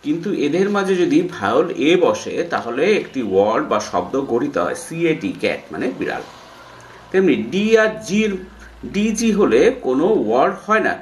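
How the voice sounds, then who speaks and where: A man's voice: medium pitch, roomy sound. A man teaching English in Bengali, spelling out words letter by letter and repeating them for emphasis. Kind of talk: spoken lesson explaining English words.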